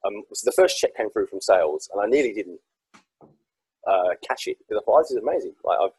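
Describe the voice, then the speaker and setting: A man from South East England, a podcast guest in casual chat, telling stories in an animated, self-deprecating way. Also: lowish voice, a little fast, breathy edge, no echo, poor audio.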